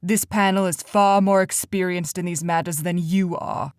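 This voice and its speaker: Woman doing a stern male council leader, low and cold, dismissive, dry audiobook sound. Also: steady tone, moderate pace, dry recording, close to an everyday voice. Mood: icy. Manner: sharp, icy, commanding.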